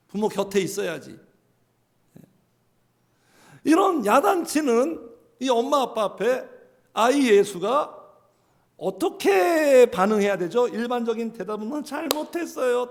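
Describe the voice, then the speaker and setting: Animated pastor preaching with a gravelly voice. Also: male voice, very high voice. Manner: animated preaching, leads congregation in reading scripture aloud; acts out parents scolding, swings loud and soft. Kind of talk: sermon.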